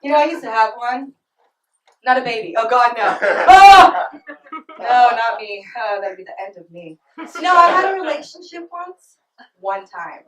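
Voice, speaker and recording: A woman's voice: a little high, lively intonation, normal speed, a little hiss or hum. Giggly young woman doing stand-up. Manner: giggly, breaks into laughter mid-line. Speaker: stand-up comedian. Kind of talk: stand-up comedy set. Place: small comedy club stage. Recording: roomy club sound from a distant mic.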